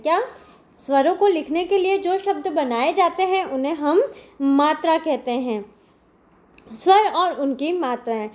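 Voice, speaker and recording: Slow, high-voiced woman teacher. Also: darkish tone. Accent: Indian Hindi. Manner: slow, patient, spelling out sounds; often says "dekho", addressing children. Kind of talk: primary school lesson.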